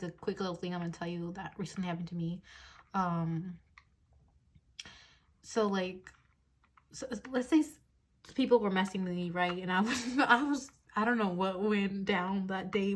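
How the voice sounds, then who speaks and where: A young woman gives a casual tarot reading, recorded on a phone mounted at her desk. She rambles along with plenty of fillers and keeps breaking into giggles. Her voice sits at a middling pitch. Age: young adult. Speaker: tarot reader.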